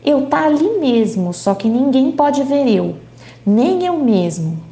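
A woman's voice: high-pitched, big pitch swings, slow, mellow, echoey room, heavily acted. A woman reading aloud as a young boy who tells his dream in broken, childlike grammar. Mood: dreamy.

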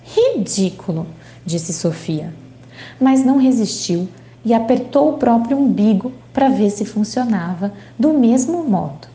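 Woman reading a storybook aloud, slowly. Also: fairly high pitch, animated, warm tone, echoey room. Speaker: reader. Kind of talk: reading a children's book aloud.

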